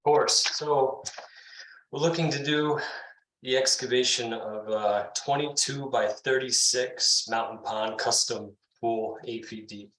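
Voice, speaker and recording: A man's voice: mid-range voice, unhurried, fairly bright tone. Distant, roomy-sounding man on a call. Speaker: pool company representative. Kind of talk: brief factual presentation. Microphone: video call, away from the mic.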